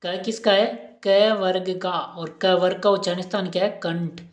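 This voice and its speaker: A woman's voice: on the low side, fairly even intonation, normal speed, muffled recording. A woman teacher giving an exam-prep lesson, asking questions and repeating each answer aloud. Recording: roomy echo.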